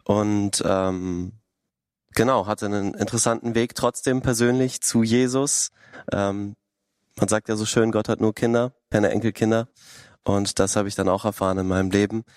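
Late 20s guy, lowish voice, tons of ähm, dry close sound. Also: no room sound. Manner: many filler sounds, lightly joking. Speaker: youth worker, panel guest. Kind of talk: casual panel talk.

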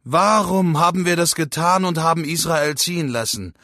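A man's voice: fairly high pitch, normal speed, sharp tone, no echo, studio quality, voice pushed up. A man voicing alarmed Egyptian soldiers and courtiers in a raised, urgent voice. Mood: regretful.

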